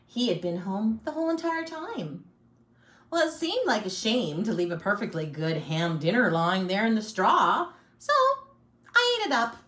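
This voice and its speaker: In an echoey room, a woman with a medium-pitched, slightly bright voice reads a storybook in a sing-song manner at a moderate pace. She voices a male wolf who chattily pities himself while telling his own side, sounding sly and aggrieved, folksy and theatrical, with put-on sneezes.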